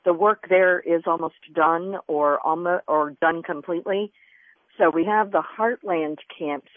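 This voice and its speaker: A woman journalist and environmentalist from Florida explains things earnestly as a radio interview guest calling in by phone. Her voice is fairly low, and the dry recording comes through a tinny phone line.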